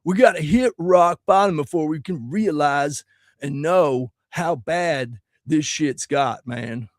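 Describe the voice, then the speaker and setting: Talking slowly in a slightly high voice roughened a bit by singing, a man promotes his song through a profane political rant to camera. He is loud, crude and preachy, with constant swearing. The sound is dry and studio-clean.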